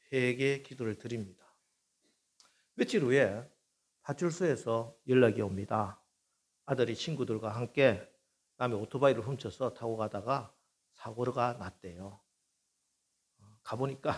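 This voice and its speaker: A middle-aged man preaching a sermon as pastor, carrying a long story and voicing its prayers and conversations himself. His voice sits at a middling pitch with a husky, slightly breathy edge. He swells louder and higher at the emotional peaks. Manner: acts out quoted prayers and dialogue, voice rising with emotion.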